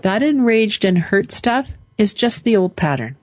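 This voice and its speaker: A woman hosting a call-in show, calmly leading a caller through affirmations phrase by phrase. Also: mid-range voice, slight background noise. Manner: calm, slow, leads phrases for repeating. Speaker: radio show host and coach.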